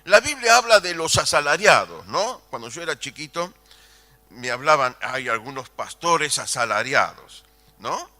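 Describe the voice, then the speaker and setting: A man's voice: on the high side, sing-song, moderate pace, bright, forceful tone. A man in his sixties, a pastor preaching a sermon with emphasis, repeating key phrases and asking the congregation rhetorical questions.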